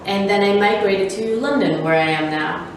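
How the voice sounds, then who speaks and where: A woman from Venezuela, a startup founder, answering interview questions in a measured way with many fillers. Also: medium pitch, heavy reverb, far from the mic, a little hiss or hum, rough recording.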